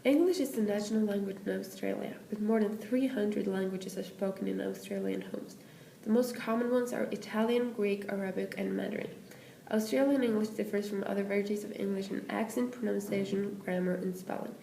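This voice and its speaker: A teenage girl with a Swedish accent reads a school presentation in English at a steady pace. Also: mid-range voice, a little fast, creaky. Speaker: student presenter. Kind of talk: school presentation read aloud. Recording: echoey room with faint hiss.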